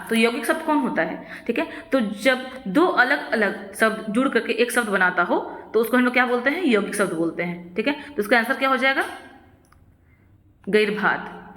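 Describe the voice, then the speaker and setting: Woman teacher going through exam questions, bright higher voice, repeats every answer, roomy echo. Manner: asks a question then answers it, repeats answers, frequent "ठीक है". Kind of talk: solving practice questions. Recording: echoey room with long reverb.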